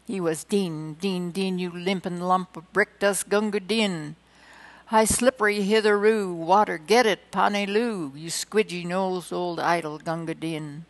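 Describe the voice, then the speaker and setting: A woman reading poems aloud with dramatic emphasis, slowing and swelling on key lines, with hesitant asides between poems. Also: on the low side, fairly even intonation, poor audio. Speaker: poetry reader.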